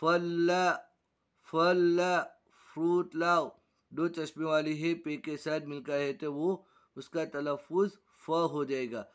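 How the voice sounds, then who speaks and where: A man teaching an Urdu reading primer, slowly repeating each word to drill it. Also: on the high side, steady tone, a bit bright. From Gujarat, India.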